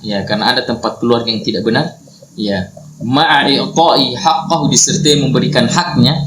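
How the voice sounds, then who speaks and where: A man teaches Quran recitation rules in a patient classroom manner, often repeating a point and asking his students questions. His voice sits at an ordinary middle pitch. The room gives it a roomy echo. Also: fairly bright tone, slight background noise. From Indonesia. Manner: patient, repetitive, quizzes listeners. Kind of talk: classroom tajwid lesson. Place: study hall at an Islamic boarding school.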